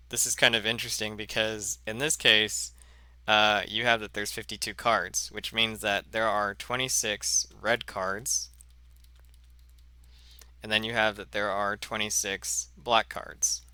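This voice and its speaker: A man teaching a math lesson in a slow, halting way, full of fillers and self-corrections. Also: lowish voice, level tone, pushed and bright, clear, resonant tone, no room sound. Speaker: math instructor. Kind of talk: recorded lecture.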